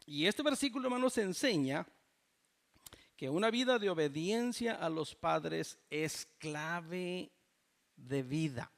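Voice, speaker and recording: Gravelly older pastor preaching. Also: male voice, fairly high pitch, lively intonation, slow pace, long pauses. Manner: fervent preaching, often addressing the congregation as brothers. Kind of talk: sermon. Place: church.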